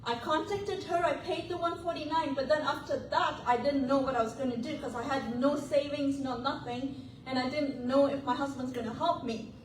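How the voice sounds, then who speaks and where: A woman's voice: sits high, fairly even intonation, moderate pace, a little hiss or hum. A woman giving an earnest, persuasive testimonial to a group. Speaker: business meetup attendee giving a testimonial. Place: indoor meetup room. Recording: echoey room, mic at a distance.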